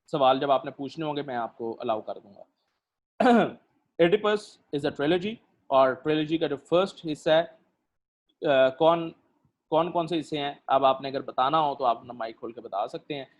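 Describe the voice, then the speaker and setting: A male lecturer, teaching a literature class online, explaining slowly with many pauses and fillers and putting questions to his students. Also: medium pitch, fairly even intonation, dull audio.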